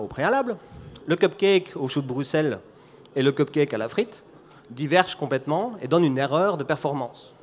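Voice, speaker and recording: A man from Belgium with a Belgian French accent, giving a conference talk and explaining an idea through a running story, with frequent restarts. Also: on the high side. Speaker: conference speaker.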